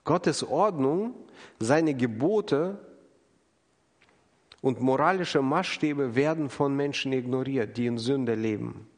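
A man's voice: mid-range voice, slow pace. A man preaching an earnest, emphatic sermon, acting out the people he quotes. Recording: long hall reverb.

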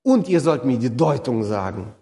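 A preacher voicing an angry, demanding ancient king in a lowered, stern voice, with long hall reverb behind him. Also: very animated, moderate pace, dark tone.

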